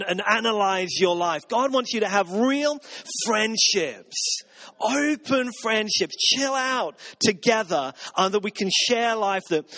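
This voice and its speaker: A man's voice: high voice, a bit bright. A man, a pastor, giving a conversational sermon with earnest, self-mocking humor.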